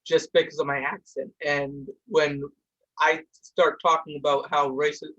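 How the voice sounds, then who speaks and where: With highs cut off in the recording, a young man from India hosts a podcast from his home, his fairly high, fairly bright voice carrying a heated, fast casual discussion full of restarts.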